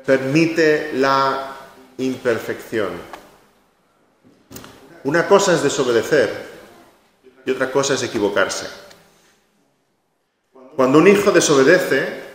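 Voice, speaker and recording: A man preaching a sermon in a church hall, emphatic, repeating his key phrases and acting out short quotes. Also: fairly high pitch. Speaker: pastor. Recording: echoey hall with long reverb.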